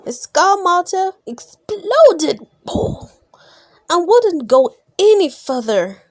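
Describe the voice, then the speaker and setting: A woman with a very high voice reads a children's bedtime story aloud, recorded with no echo. As a storybook reader, she is expressive, stretching out key words, gasping and sighing, and asking her young listeners questions.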